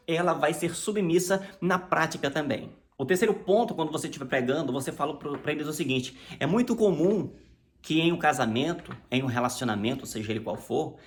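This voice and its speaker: A man's voice: fairly high pitch, a bit bright. A man with a Brazilian Portuguese accent teaching how to preach, emphatic and acting out quoted lines. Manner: emphatic, acts out quoted dialogue. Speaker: preaching instructor. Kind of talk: preaching lesson.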